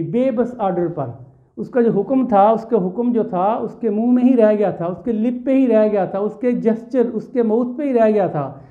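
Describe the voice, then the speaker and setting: A man from Pakistan with a Pakistani accent, giving a classroom lecture on a poem. He explains step by step, repeats his phrases and mixes English terms into his talk. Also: high voice. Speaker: teacher. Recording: tinny phone-like lo-fi sound.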